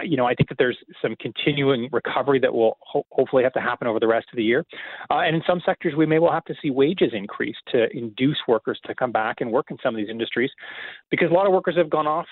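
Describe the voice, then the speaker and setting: A man, an economist guest, answering radio interview questions in a measured, explanatory way with many filler pauses. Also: mid-range voice, dry recording. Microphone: phone call. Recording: tinny phone line.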